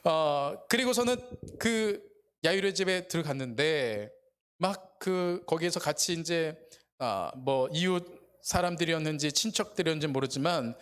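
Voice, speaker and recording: A pastor preaching casually, somewhat high-pitched. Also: male voice, expressive, moderate pace, a bit bright, clean tone. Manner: conversational preaching with many fillers. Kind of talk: sermon.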